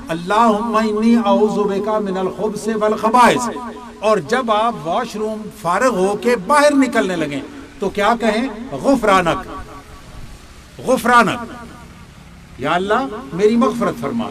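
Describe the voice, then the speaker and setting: High-voiced older man preaching to a crowd. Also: lively intonation. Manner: explains step by step, asks and answers his own questions; slips into Punjabi asides. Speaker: religious teacher. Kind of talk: sermon.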